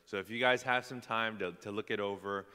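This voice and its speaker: A man's voice: fairly low pitch, fairly even intonation, a little fast, bright, forceful tone, smooth. A man preaching a casual, self-deprecating sermon to his congregation, with plenty of fillers. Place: church hall. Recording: long hall reverb.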